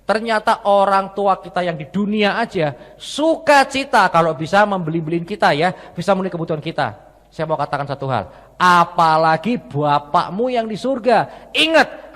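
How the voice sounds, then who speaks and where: A man preaching a sermon in a large church, telling stories in a lively way and often adding tag questions. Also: fairly high pitch. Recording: long church hall reverb.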